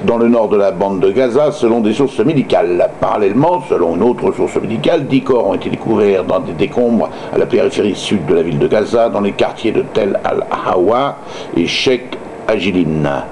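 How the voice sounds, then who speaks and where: A man's voice: fairly low pitch, expressive, normal speed, darkish tone, a little hiss or hum. A man reading news like an amateur radio host, stumbling and hesitating, with sardonic personal asides.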